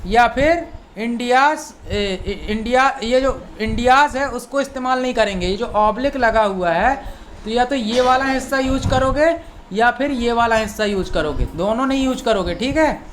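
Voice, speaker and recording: A woman teaching an online language lesson, explaining slowly, repeating each point and reading example sentences word by word. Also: on the high side, a little hiss or hum. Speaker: English teacher.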